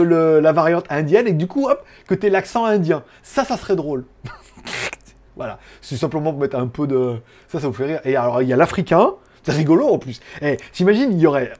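Casual male tech streamer from France, slightly high voice, rambling and jokey delivery. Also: darkish tone. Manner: rambling, joking, frequent fillers and laughs. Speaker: tech live stream host. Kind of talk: casual live-stream chat. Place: home in Thailand.

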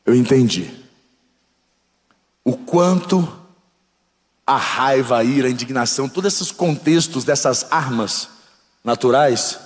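A male bishop with a Brazilian accent preaching and telling a story with lively drama, often questioning the congregation. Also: medium pitch, unhurried, pauses often, long reverb tail. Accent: Brazilian Portuguese. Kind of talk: sermon storytelling. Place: church.

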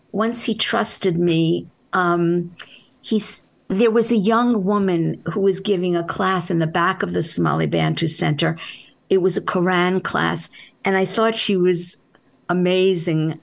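A woman author with a soft, lowish voice and vocal fry answers interview questions unhurriedly and reflectively, with halting restarts.

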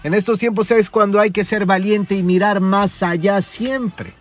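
A man's voice: sits high, steady tone, a little slow, faint music behind. A man hosting a podcast, delivering a profane, scolding motivational rant and mocking his listeners. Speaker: podcast host. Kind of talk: ranting motivational monologue.

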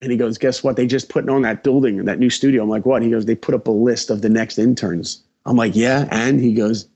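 Gravelly man telling lively stories. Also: mid-range voice, fairly quick, muffled recording. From New York. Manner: acts out dialogue, lively. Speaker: guest animator. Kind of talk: animated storytelling.

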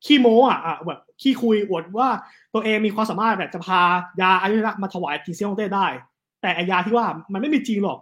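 A guest storyteller tells history stories in a casual, animated chat. His voice sits high, and he talks fast, throwing in quick asides.

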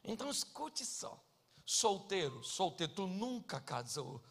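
A man's voice: high voice, big pitch swings, measured pace, vocal fry, fairly bright tone, husky, long reverb tail. A Brazilian man in his forties, a pastor preaching a humorous sermon and acting out the people he describes. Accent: Brazilian Portuguese. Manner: joking, acts out quoted people in dialogue.

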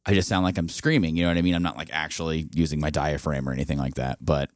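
Man, very low voice, guest on a podcast, casual and cussing, dry close mic. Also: quick pace, no room sound. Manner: profane, animated storyteller. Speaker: guest vocalist. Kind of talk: casual chat.

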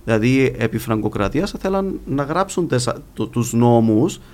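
A man's voice: mid-range voice, lively intonation, darkish tone. A man with a Cypriot Greek accent talking conversationally as a guest linguist in an interview, explaining things with examples. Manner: explanatory, illustrates points with examples.

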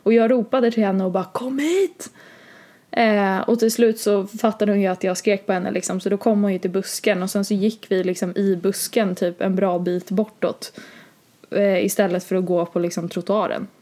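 A woman's voice: medium pitch, flat delivery, warm tone. A young woman co-hosting a podcast, telling a long story in casual chat, full of fillers. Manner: rambling, many fillers like "liksom" and "typ". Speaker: podcast co-host.

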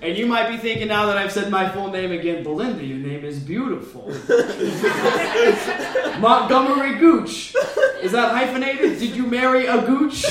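A man's voice: high-pitched, unhurried, heavy background noise. A man performing a live comedy monologue as a sassy, brash, self-righteous lunch lady with campy indignation. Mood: theatrically proud. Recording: very echoey live room, distant mic.

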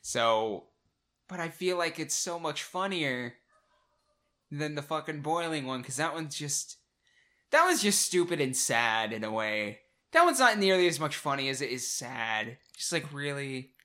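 Male podcast co-host, Oklahoma accent, bright slightly high voice, giggly and profane, loose casual delivery. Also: big pitch swings, a little slow. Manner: laughs a lot, swears casually, restarts sentences. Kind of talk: casual comedic chat.

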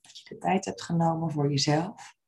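A woman leading a guided meditation in a soft, soothing manner, with gentle, unhurried phrasing. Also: sits low, fairly even intonation.

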